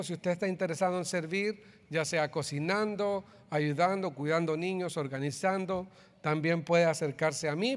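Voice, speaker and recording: A Chilean pastor with a slightly high voice delivers church announcements in an upbeat way, speaking directly to the congregation in the sanctuary. He also leads everyone through a group reading, and the recording carries a long hall reverb.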